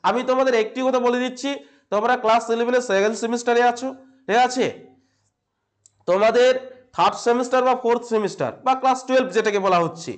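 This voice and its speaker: A man with a very high voice and a Bengali accent teaches a grammar lesson. He keeps asking his class questions, then repeats each answer himself and checks that they follow.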